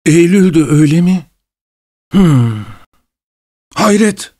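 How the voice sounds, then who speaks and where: A man voicing an excitable, fawning middle-aged husband who talks with ingratiating emotion, in an audiobook. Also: mid-range voice, normal speed, voice pushed up, lightly acted. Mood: excited, fawning.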